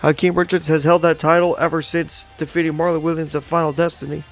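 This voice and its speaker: A man's voice: a little high, level tone, quick pace, faint music behind. A man hosting and commentating a live online wrestling show, hyping upcoming events to the folks watching and chatting with his co-host. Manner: hype announcer tone, addresses folks, chatty with co-host.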